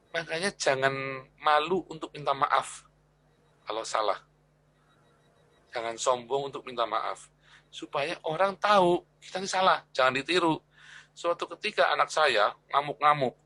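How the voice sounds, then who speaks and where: A man's voice: on the high side, bright, forceful tone. A middle-aged man teaching an informal church class on discipleship. He talks in a chatty way, repeats phrases and tags his lines with little questions.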